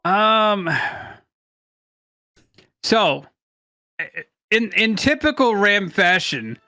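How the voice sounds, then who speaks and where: A man's voice: high-pitched, very animated, very slow, pushed and bright, no echo, faint music behind. A man co-hosting a gaming talk show, chatting casually with an exasperated, joking manner. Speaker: co-host. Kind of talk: casual chat.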